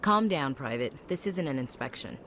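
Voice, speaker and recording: Sardonic soldier, low and lively, teasing, for a game. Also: female voice, moderate pace, slight background noise. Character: wisecracking female soldier, teasing.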